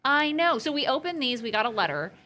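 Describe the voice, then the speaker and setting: A female news anchor from Arizona chatting casually with her co-host. Her voice is bright and sharp, with pitch that jumps around a lot, and her quick comebacks are upbeat and teasing. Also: very animated, slight background noise. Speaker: news anchor co-hosting a community podcast. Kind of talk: casual chat.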